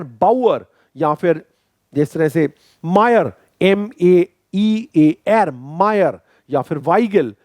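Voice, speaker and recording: A man with an Indian accent teaching a German lesson, spelling letters slowly and clearly one by one. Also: high-pitched, a little mellow, dry recording, studio quality. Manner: slow, clearly spelling each letter aloud. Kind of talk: language lesson, slow spelled-out drills.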